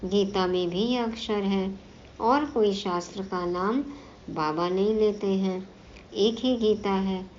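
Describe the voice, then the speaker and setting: A woman giving a spiritual discourse, reading and explaining it slowly and repeating points so they sink in. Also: lowish voice. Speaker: spiritual class teacher. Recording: dull lo-fi recording with faint background noise.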